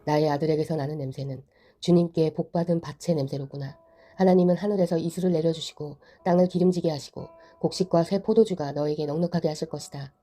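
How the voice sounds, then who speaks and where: A woman's voice: low voice, steady tone, fast talker, dark tone, soft background music. A woman reading the lines of an aged, solemn patriarch father in a Bible reading.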